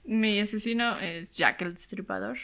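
Bright, clear-voiced Mexican woman. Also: medium pitch, moderate pace. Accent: Mexican Spanish. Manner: chatty, laughs often, slangy. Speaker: podcast co-host. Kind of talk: casual true-crime podcast chat.

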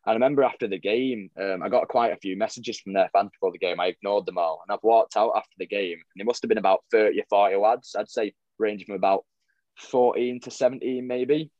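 A man's voice: lowish voice, fairly even intonation, fast talker, darkish tone, no echo, dull audio. A young man, a football vlogger telling stories in a rambling casual chat, full of restarts and fillers. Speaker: football fan vlogger, guest.

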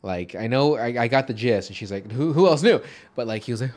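A man's voice: medium pitch, fast, a little mellow. A man co-hosting a casual movie podcast, talking in a rambling, jokey way with lots of swearing. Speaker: podcast co-host.

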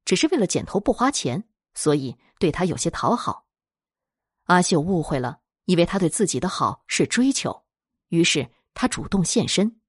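A woman narrating a scripted horror story in a dramatic, expressive storytelling manner. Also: lowish voice, slightly rough, dry recording, studio quality.

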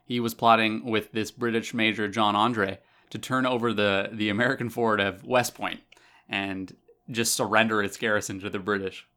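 A man's voice: on the low side, little pitch movement, normal speed, sharp tone. A man co-hosting a podcast, explaining history casually to listeners, with emphatic asides and some restarts. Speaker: podcast co-host.

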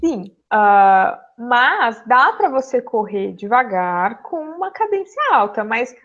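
A high-pitched woman talks through a topic in a methodical, explanatory way. She is a physiotherapist guest in a relaxed conversation. The recording sounds a little dull and lo-fi. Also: slow pace. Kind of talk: casual podcast chat, explaining.

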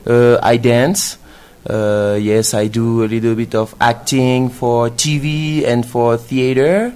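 Guy in his 20s, slow n hesitant talker, guest intro, mid pitch. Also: little pitch movement, a little mellow, smooth. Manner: halting, hesitant, non-native speech. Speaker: guest dancer and actor. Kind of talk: casual interview introduction.

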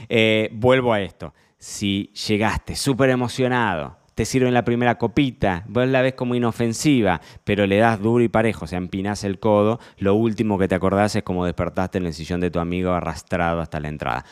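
A man with an Argentine accent, a sommelier hosting a podcast, talking loudly and casually, joking and restarting his sentences. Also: on the low side, fairly even intonation, a little fast, hardly any pauses, clear, resonant tone. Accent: Argentine Spanish. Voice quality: talks fairly loud. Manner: chatty, joking, lots of fillers and restarts.

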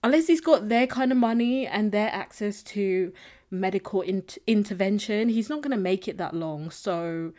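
Warm and mid-range, this woman's voice has lively intonation and moves at a normal speed as she rambles candidly through her solo podcast, sharing opinions casually. Recorded indoors in a makeshift room rather than her usual setup, the audio sounds slightly echoey.

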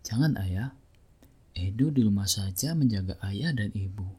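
A man's voice: fairly low pitch, expressive, moderate pace, dark tone, slightly rough. A man voicing a brave, dutiful eldest brother horse in a children's story, speaking earnestly and firmly.

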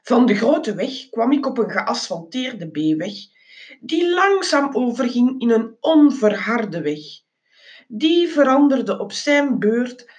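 A woman reading a children's book aloud, expressive and with small slips and restarts. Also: fairly high pitch, slow pace. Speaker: reader.

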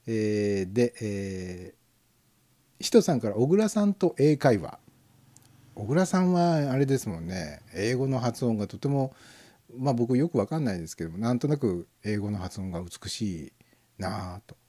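A man hosts a live internet radio stream in a casual, rambling chat, full of fillers and soft chuckles. His voice is dark and mellow, and his pitch rises and falls in a lively way as he muses over each listener's comment. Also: moderate pace.

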